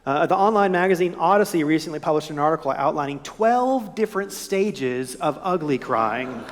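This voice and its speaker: A male pastor preaching a sermon in a church, expressive, at times dropping his voice almost to a whisper. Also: fairly high pitch, normal speed. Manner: expressive preaching, drops to near whisper at moments. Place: church sanctuary. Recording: echoey church hall.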